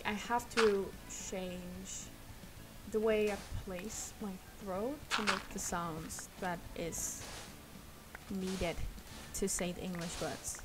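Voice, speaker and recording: A young Swedish woman with a medium-pitched voice and a native Swedish accent chats casually while gaming on stream. Her throat is sore, and she rambles softly and laughs often, with loud noise behind her voice.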